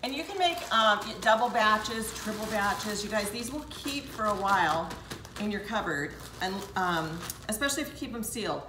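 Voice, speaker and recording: An older woman hosts a casual cooking demonstration in her home kitchen, chatting straight to viewers as she works. The sound bounces around the room with clear background noise under her voice. She is recorded from a camera set back across the counter. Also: medium pitch, expressive, normal speed, roomy sound. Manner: chatty, talks straight to viewers while working. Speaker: cooking show host.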